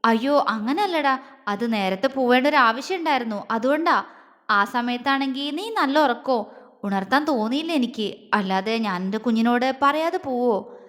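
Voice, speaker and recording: A woman voicing an affectionate young man who coaxes and teases softly in an audio story. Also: a little high, animated, moderate pace, in a large hall. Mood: tender. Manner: soft, coaxing, playful. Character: teasing affectionate young man, tender lover.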